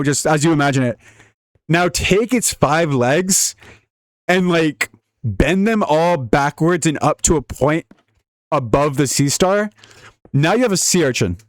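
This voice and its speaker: A man's voice: fairly high pitch, no room sound. A young man giving casual, jokey, rambling commentary while playing a video game. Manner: rambling, jokey, laughs often. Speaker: gaming YouTuber.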